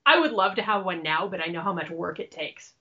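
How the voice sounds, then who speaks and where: A woman's voice: lowish voice, expressive, brisk, bright, forceful tone, muffled recording. A woman from Canada chatting casually as a podcast co-host. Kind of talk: casual chat.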